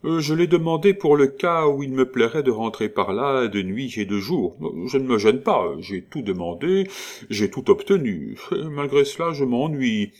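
A man's voice: medium pitch, expressive, moderate pace, darkish tone, pitched above the performer's own voice, lightly acted. A man reading an audiobook, voicing a brash, unflappable young Parisian woman with a cool, cheeky manner.

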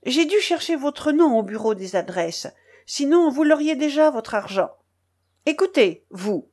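A woman reading an audiobook and voicing a furious young tutor who shouts in shrill, rising outbursts. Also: big pitch swings, a little slow. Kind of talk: audiobook character voice.

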